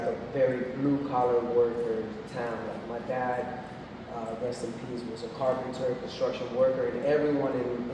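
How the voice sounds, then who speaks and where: Man in his forties, echoey gallery. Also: medium pitch. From Puerto Rico. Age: 40s. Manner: relaxed, explanatory, with frequent fillers. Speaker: guest artist. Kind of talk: casual artist talk. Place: art gallery. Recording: echoey gallery from far off, noisy.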